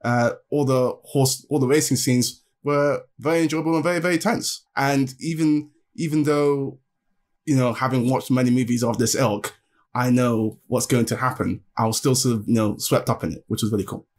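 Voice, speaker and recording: Man, film reviewer, enthusiastic, halting delivery, medium pitch. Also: fairly even intonation. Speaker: film critic on podcast. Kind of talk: casual film review chat.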